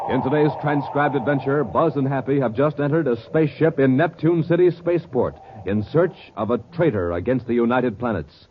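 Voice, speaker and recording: A man with a mid-range voice announces in an emphatic, dramatic 1950s radio style, pitching products with punchy salesmanship as narrator and ad man. He speaks a little fast with few pauses, on a muffled old recording with heavy background noise.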